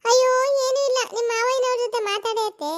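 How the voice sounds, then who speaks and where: A cheeky young cartoon bride, full of mischief and teasing. She talks in a sing-song way, very high and squeaky. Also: steady tone, fast talker.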